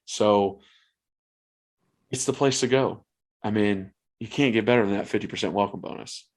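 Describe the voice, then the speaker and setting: A man's voice: lowish voice, moderate pace. A man hosting a sports podcast in an informal, conversational way. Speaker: podcast host.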